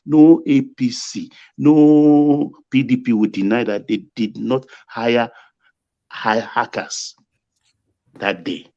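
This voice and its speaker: A man's voice: on the low side, a little mellow. An older man, arguing emphatically as a panelist in a heated debate. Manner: emphatic, bursts upward on key points. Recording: dull lo-fi line.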